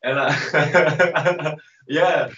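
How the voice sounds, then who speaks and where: A cocky male fighter with a slightly high voice, speaking in halting non-native phrasing and bragging casually. He sounds away from the microphone in an echoey room. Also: a bit bright. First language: not English. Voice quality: halting, broken English phrasing. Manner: cocky, boastful. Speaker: MMA fighter being interviewed. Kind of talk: casual pre-fight interview trash talk. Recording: dull, echoey, distant call-like sound.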